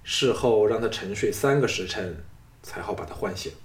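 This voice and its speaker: Sneering scheming nobleman, voiced by a man, leering, commanding, low voice, audiobook drama. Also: moderate pace, natural voice. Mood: cold, sneering. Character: lecherous scheming nobleman, middle-aged man.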